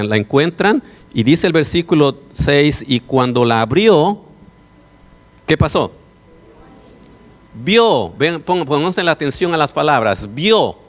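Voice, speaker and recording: A man preaching a sermon as pastor, putting rhetorical questions to his congregation. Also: mid-range voice. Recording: long hall reverb.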